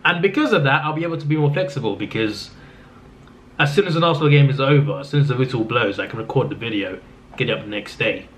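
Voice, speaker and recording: This football vlogger, mid-range in pitch and quick-paced, is losing his voice as he rambles through a casual recap. Subdued and flat, he keeps restarting and using fillers; his camera mic yields slightly dull, lo-fi audio with faint noise.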